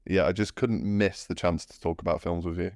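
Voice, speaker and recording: A slightly hungover man with a mildly raspy voice, hosting a film podcast in a casual, rambling, hesitant way. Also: deep voice, fairly even intonation, a little fast, darkish tone, dry recording, studio quality. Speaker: podcast host.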